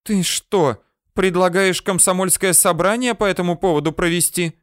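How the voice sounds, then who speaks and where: A man's voice: high-pitched, steady tone, normal speed, dry recording, clean studio sound, pitched above the performer's own voice, natural voice. A man voicing an earnest, reproachful young female student in an audiobook, scolding in a rule-bound way. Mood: indignant.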